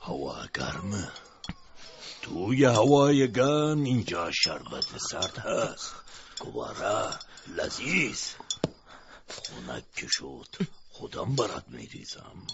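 A mocking war-film interrogator with a low, creaky voice. His pitch swings widely as he moves from false hospitality to sharp probing. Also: very animated. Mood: coaxing, mocking. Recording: dull, slightly noisy film soundtrack.

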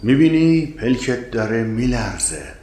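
A man voicing a gentle male spiritual guide who explains softly and patiently in an audiobook drama. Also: mid-range voice, sing-song, pitched above the performer's own voice, lightly acted. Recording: roomy echo.

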